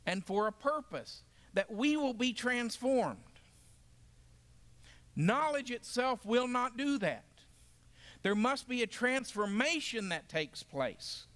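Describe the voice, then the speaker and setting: A man's voice: very high-pitched, sing-song, slow, fairly bright tone. A man teaching a Bible lesson to a class, emphatic and asking the group questions.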